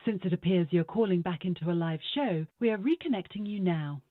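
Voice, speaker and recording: A woman's recorded voice, an automated phone system announcement, heard through a phone speaker in a flat, recorded announcement delivery. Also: fairly low pitch, fairly quick, dry recording. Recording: tinny phone line, dry.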